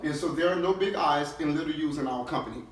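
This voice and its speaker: A middle-aged man from New Orleans, a CEO running a team-building session, speaks quickly in a fairly high voice. He delivers an emphatic pep talk to his staff, frequently pausing to check in with brief questions. The room is echoey, the mic is distant, and there's faint noise.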